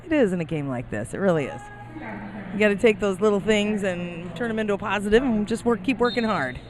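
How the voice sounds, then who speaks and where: A woman's voice: mid-range voice, lively intonation, a little fast, over music. A woman giving color commentary at a roller derby bout, chatty and upbeat, with a self-deprecating streak. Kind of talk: live sports commentary.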